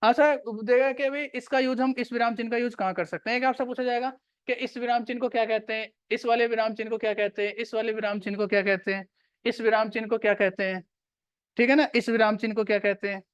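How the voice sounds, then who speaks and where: A man's voice: very high-pitched, fairly even intonation, fast talker, smooth, dry recording, highs cut off. A male teacher giving a classroom grammar lecture, repeating key points and quizzing his students.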